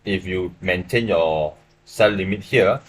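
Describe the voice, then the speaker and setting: Speaking slowly in a low voice, a young Malaysian forex trader with a Malaysian English accent walks his live stream viewers through his trades in a casual way, frequently adding "right?". Slight background noise can be heard in the small indoor room.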